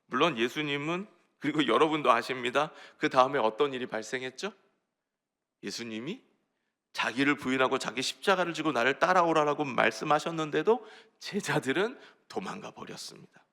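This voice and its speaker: Gravelly, bright-voiced man preaching. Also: medium pitch, lively intonation, brisk. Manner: conversational, asks the congregation questions. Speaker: pastor. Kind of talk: early-morning sermon. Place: church.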